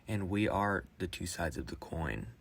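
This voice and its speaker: A young man in his late teens speaks a rambling personal monologue into a phone voice memo. His talk is halting, with restarts and fillers. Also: low voice, animated, creaky, husky. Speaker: vlogger.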